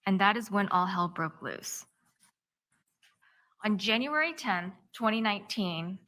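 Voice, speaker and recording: A woman defense attorney giving a courtroom opening statement, recounting events step by step in a measured present-tense narration. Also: mid-range voice, sharp tone.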